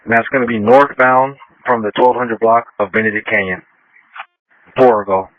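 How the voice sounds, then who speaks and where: A man's voice: medium pitch, steady tone, normal speed, dry recording. A man, a police officer in the field, giving terse, matter-of-fact reports over the police radio. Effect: police radio transmission. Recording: muffled dry radio audio.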